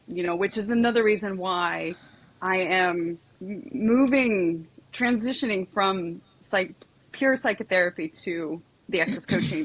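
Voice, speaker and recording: A woman's voice: on the low side, a bit bright, slightly rough, rough recording. A woman psychotherapist and equine coach, talking as a podcast guest in a chatty storytelling way, full of "like" and "you know". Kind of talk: casual podcast conversation.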